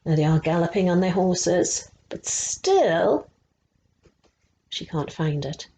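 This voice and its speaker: A resident storyteller reads a picture book aloud to children, adding explanatory asides and asking her young listeners questions. Her voice is lowish and dark-toned, expressive, and she takes it slowly.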